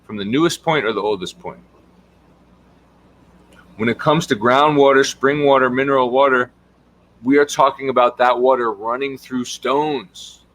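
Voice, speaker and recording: A man's voice: mid-range voice, moderate pace, pauses often, a bit bright, low-quality recording. A man, a health coach giving an impassioned monologue full of emphatic rhetorical questions.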